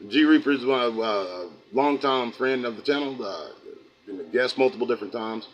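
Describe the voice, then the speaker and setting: A middle-aged American man hosting a live stream, talking to his viewers in a loose, folksy, rambling way. He keeps sliding into preaching, and his voice sits at an ordinary middle pitch for a man. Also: brisk, a little hiss or hum, poor audio. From United States. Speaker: host of a livestream channel. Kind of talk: casual livestream talk, reading chat.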